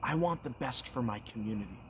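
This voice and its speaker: A young American man giving a folksy campaign stump speech as a candidate, earnest and emphatic, in short phrases with deliberate pauses. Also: medium pitch, expressive, slight background noise. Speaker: political candidate.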